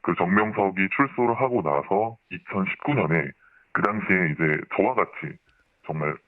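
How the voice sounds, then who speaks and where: This is radio news interview testimony from a man who once belonged to a religious group and stays anonymous, his voice modulated down into a deep, disguised tone. He answers politely and formally, explaining things at a moderate pace with lively intonation. The audio comes through muffled and band-limited, with roomy echo.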